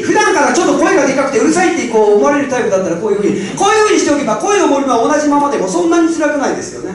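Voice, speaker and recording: A man giving a speech-coaching seminar to a live audience on a handheld microphone, animated and laughing often as he swings between loud and soft delivery. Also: very high-pitched, very echoey, far from the mic. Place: large hall with a microphone.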